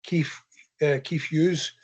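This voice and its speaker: A man's voice: a little high, steady tone, slow, a little mellow, breathy edge, highs cut off. Chatty Scottish man telling a long story. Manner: long rambling anecdotes told in his own voice. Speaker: guest ultra runner. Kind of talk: casual podcast interview.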